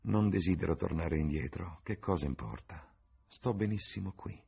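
A man's voice: low-pitched, normal speed, gravelly, dark tone, breathy edge, exaggerated voice. A man voicing a ruined young man in an opium den, speaking wearily and resignedly. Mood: listless.

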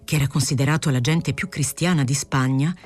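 A woman's voice: extremely low pitch, steady tone, fairly quick, darkish tone. A woman voicing an indignant, outspoken male priest. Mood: grave. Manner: outspoken, scolding.

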